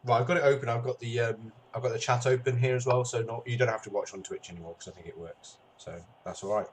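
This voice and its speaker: A man with a mid-range voice and fairly even intonation talks fast while setting up a stream, chatting casually and hesitantly, full of ums and self-deprecating asides. His webcam microphone picks up plenty of noise.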